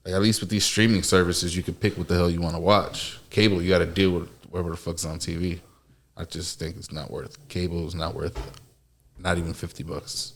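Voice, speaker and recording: Deep-voiced man griping bluntly. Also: flat delivery, fairly quick, slight background noise. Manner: blunt, complaining, swears often. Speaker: podcast guest. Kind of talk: casual chat.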